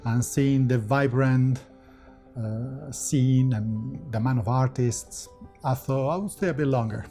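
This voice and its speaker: A speaker from the Netherlands talking in a relaxed, reflective way in a promo film interview. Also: mid-range voice, unhurried, soft background music.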